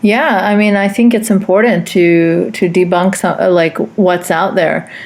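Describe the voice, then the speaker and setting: A woman hosting a podcast panel, speaking in a measured, firm way. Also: fairly low pitch, steady tone, darkish tone. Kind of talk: casual podcast discussion.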